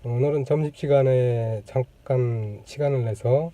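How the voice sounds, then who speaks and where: Guy hosting his channel, talking to camera, very dark mellow voice, lots of "uh" and "um" pauses. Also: medium pitch. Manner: thoughtful, many fillers, demonstrates sounds. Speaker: channel host. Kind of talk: casual explanatory talk to camera. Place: indoors on a lunch break. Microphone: camera mic.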